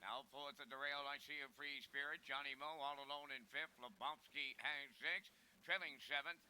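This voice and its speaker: A man's voice: a little high, sharp tone, clear, resonant tone. A man giving emphatic race caller commentary on a harness race.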